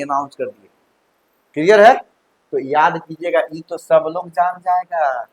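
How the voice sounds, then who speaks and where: High-voiced male coaching teacher. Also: poor audio. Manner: checks understanding often, mixes English terms into Hindi. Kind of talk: classroom lecture. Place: classroom.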